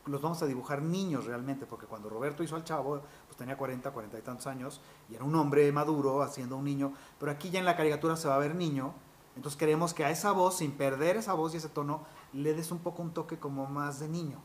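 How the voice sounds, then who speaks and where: A man, a voice actor telling stories from his career in an interview, animated and peppered with fillers. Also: a little high. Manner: animated, quick anecdotal storytelling with fillers like "este". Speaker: voice actor guest. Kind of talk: interview storytelling.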